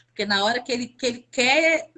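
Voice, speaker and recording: High-voiced fervent woman giving testimony. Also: fairly quick, sharp tone. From Brazil. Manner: fervent, repeats words for emphasis. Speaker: guest giving a faith testimony. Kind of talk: emotional personal testimony on a live stream.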